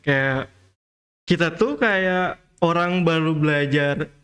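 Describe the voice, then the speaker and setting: Clear-voiced young man, relaxed guest. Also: a little high, slow. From Tasikmalaya, Indonesia. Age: young adult. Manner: relaxed, hesitant, many fillers and "kayak gitu". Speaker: podcast guest, former student abroad. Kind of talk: casual podcast interview.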